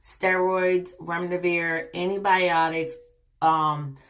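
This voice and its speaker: A young woman vlogging her illness story to camera, rambling with many ums and restarts, her voice raspy from a lingering cough. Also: fairly low pitch, flat delivery, slow pace, fairly bright tone. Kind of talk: casual personal story to camera.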